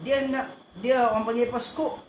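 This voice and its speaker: A man's voice: extremely high pitch, steady tone, normal speed. A man with a Malaysian Malay accent teaching an online religious class, often asking questions and answering them himself. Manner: asks and answers his own questions, repeats short fillers. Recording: echoey room, faint background noise.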